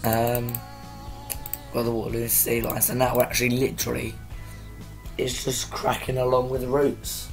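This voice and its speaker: A man with a croaky voice casually talking to viewers on a live stream, rambling as he sets things up. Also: mid-range voice, monotone, moderate pace, pauses often, soft background music. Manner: rambling, chatty, addressing viewers.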